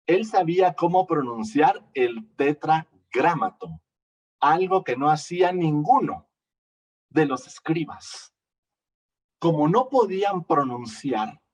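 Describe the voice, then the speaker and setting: Male preacher, slow and deliberate, repeats himself and quizzes the pews, mic a bit distant. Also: fairly high pitch, slightly rough. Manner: slow teaching, repeats phrases, asks the congregation questions. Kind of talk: sermon. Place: church.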